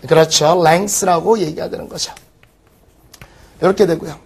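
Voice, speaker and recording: A man teaching an exam-prep English lesson, firing quick rhetorical questions at the class. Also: on the high side, fairly even intonation, gravelly, a little mellow, breathy edge. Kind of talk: recorded exam-prep lecture.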